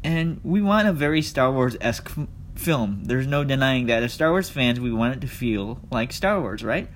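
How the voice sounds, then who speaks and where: A podcast host, a man with an expressive voice and a moderate pace, talks conversationally on his casual solo show and addresses listeners directly. The recording is noisy, with a low rumble in the background.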